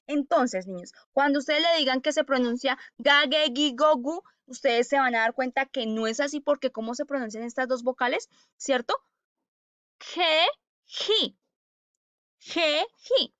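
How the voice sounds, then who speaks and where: Sounding out syllables slowly for children, this patient teacher keeps asking "¿cierto?" and "¿listo?" to make sure they follow. She has a high, slightly bright voice, recorded dry.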